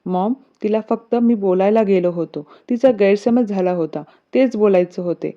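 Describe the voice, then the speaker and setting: A woman voicing a confident, playful young man in love, talking gently, on a dull lo-fi recording. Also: medium pitch, moderate pace, natural voice. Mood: tender.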